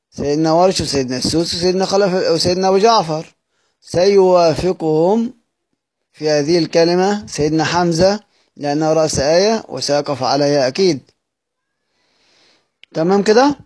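A man with an Egyptian Arabic accent teaches Quranic readings, drawing out each recited word slowly. He asks his students questions and answers them himself, in a voice on the high side and a little mellow.

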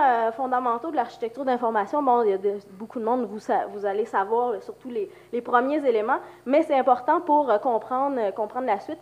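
Female lecturer, Quebec French accent, fairly high voice, speaking with the flu; informal conference talk. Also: darkish tone, dull audio. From Quebec, Canada. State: has the flu. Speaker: university lecturer and researcher.

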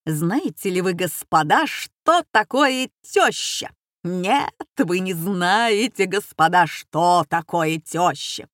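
A plump, pompous comic lecturer holds forth in slow, stretched-out phrases, his voice pitched up with showy grandeur, as a woman reading the story puts him on. The sound is dry and close, like an audiobook. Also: expressive, dry recording. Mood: grandiose. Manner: slow, drawn-out declaiming.

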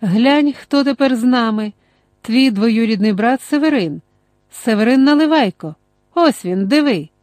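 A woman reading the lines of an older silver-mustached male Cossack who calls out warmly and loudly. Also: on the high side, a little slow, no room sound, clean studio sound. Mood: hearty. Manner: calls out warmly, excited exclamations.

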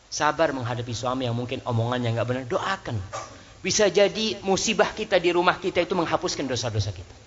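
A man giving a conversational sermon as a preacher, his voice jumping high for emphasis. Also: animated, fast talker, a bit bright. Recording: slightly dull lo-fi sound.

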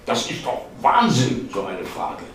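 Guy reading aloud doing a fed-up sarcastic office guy, voice pushed high, almost cracking, echoey far mic. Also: expressive, unhurried, a little hiss or hum. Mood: indignant. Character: exasperated male office researcher, sarcastic. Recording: echoey hall, distant mic.

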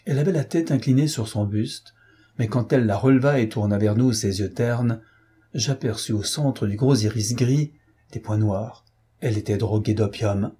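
Dark, husky male storyteller. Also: lowish voice. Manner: steady, measured storytelling. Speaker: audiobook reader. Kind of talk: scripted narration.

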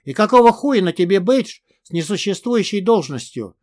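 A man voicing a loud, boisterous middle-aged soldier who bellows with rough army swearing. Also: sits high, sing-song, moderate pace, no echo, studio quality. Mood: domineering.

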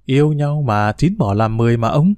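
A man voicing a gentle, easygoing old grandmother who soothes and smooths things over. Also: medium pitch, expressive, normal speed, no room sound, natural voice. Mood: soothing. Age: older.

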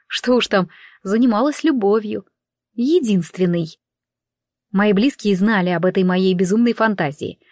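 A woman narrates a first-person story in an expressive, conversational way. Her voice sits at a middle pitch. The recording is dry and close, with no room sound. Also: no echo. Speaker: audiobook narrator.

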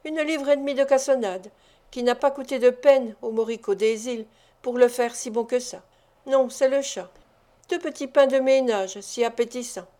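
A woman's voice: on the high side, normal speed, lightly acted. Cheeky boastful young pickpocket, voiced by a woman in a storybook reading. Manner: boastful, lively praise.

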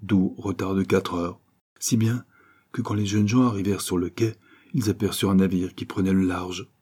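Low husky guy reading an adventure novel, dark mellow tone. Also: fairly even intonation, normal speed. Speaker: audiobook narrator. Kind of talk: scripted narration.

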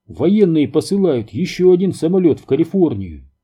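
A man doing a chatty excited young woman. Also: high-pitched, unhurried, slightly rough, pitched above the performer's own voice, exaggerated voice. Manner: breathless, insistent gossiping.

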